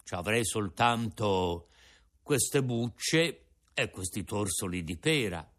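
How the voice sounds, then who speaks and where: Man playing a low, slow old carpenter, calm and moralizing, storybook. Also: exaggerated voice. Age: older. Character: patient, kindly old carpenter father.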